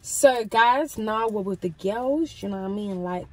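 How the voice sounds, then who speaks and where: A woman's voice: medium pitch, unhurried, poor audio. A woman hosting a casual vlog from her car, chatty and swearing freely. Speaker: host. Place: in a parked car. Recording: loud car and street noise.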